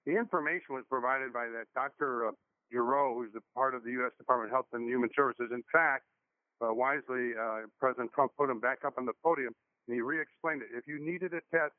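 Fast-talking male caller over the phone. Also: medium pitch, dry recording. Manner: polite, explanatory. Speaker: radio call-in caller. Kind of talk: call-in talk radio. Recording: tinny phone line.

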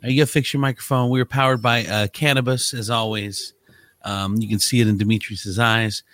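A man's voice: fairly low pitch, level tone, brisk, fairly bright tone, no room sound. A man hosting a casual podcast, rambling loosely through banter and an ad read. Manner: loose, rambling, laughs a lot. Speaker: podcast host. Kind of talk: casual chat and host-read ad.

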